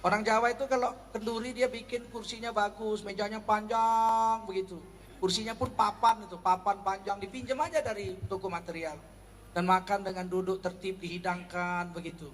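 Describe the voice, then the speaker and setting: A man from North Sumatra giving a humorous Islamic lecture, animated and acting out everyday quarrels. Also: high-pitched, normal speed, big-room sound. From North Sumatra, Indonesia. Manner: animated, acts out quarrels in a raised voice. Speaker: Islamic preacher.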